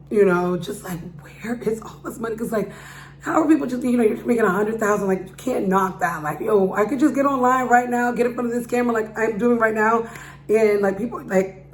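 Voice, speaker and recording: In an echoey room with a faint hum behind her, a woman talks casually to her viewers. Her voice is a little harsh as she pushes it louder to be heard. She is informal and slangy, often turning to rhetorical questions. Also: mid-range voice. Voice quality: slightly harsh from raised voice. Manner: speaking loudly to be heard. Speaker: vlogger giving opinion. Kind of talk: casual opinion monologue to camera. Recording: roomy echo with background hum.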